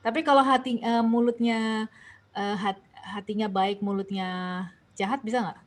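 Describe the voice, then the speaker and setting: A woman's voice: a little high, little pitch movement, normal speed. A young woman with an Indonesian accent guides a Bible study. She questions the group, reads scripture aloud and restarts her sentences often. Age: young adult. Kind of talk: online Bible study discussion.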